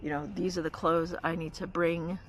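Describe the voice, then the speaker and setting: At a forest campsite by a car, a woman vlogs a casual story loaded with "like" and "you know". She speaks at a moderate pace in a lowish voice with little pitch movement. The audio is poor, carrying outdoor noise and a vehicle's hum.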